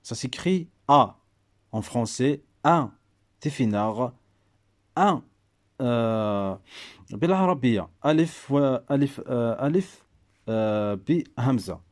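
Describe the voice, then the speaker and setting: A man slowly teaching an alphabet letter by letter, hesitant and full of fillers, switching between languages. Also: medium pitch, lively intonation. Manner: slow, hesitant, many fillers. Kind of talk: alphabet lesson.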